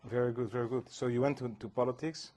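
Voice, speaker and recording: A man hosting an interview, asking questions in a friendly, halting way as he searches for words. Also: medium pitch, steady tone, dark tone. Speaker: interviewer, host. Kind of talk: casual interview.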